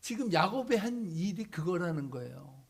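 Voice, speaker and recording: Animated Korean pastor preaching a sermon. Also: male voice, high voice, normal speed, gravelly, slightly rough. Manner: animated storytelling, acting out biblical characters' lines; asks the congregation questions.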